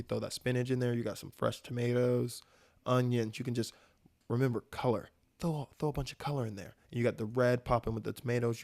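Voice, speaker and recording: A man's voice: medium pitch, gravelly, a little mellow. A young man from the American South hosting a casual solo podcast, talking about food with enthusiastic, rambling energy and casual swearing. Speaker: podcast host.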